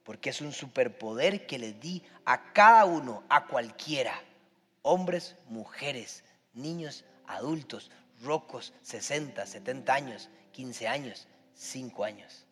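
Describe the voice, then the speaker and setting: A man with a Costa Rican accent preaching a sermon as a pastor, emphatic, with sudden swings in loudness. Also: mid-range voice, animated, takes it slowly. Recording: long reverb in a large hall.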